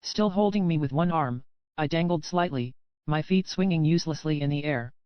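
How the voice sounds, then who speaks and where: A woman narrates a first-person audiobook in an even, steady storytelling voice. Her tone is smooth and clear. The recording is dry and slightly dull. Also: low voice, normal speed, no room sound.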